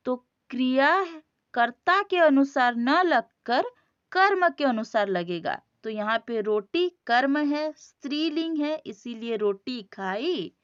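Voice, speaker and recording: A woman with an Odia accent teaching a grammar lesson, slowly working through exercises, repeating each answer and checking whether her students follow. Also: high-pitched, clean tone, dry recording, highs cut off.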